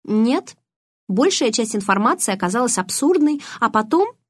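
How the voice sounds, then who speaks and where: A shy but stubborn teenage girl, earnest and curious, as a woman reads her in an audiobook. Her voice is soft and earnest, recorded close and dry. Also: a little high, very animated, normal speed, dry recording, pitched above the performer's own voice. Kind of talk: audiobook reading.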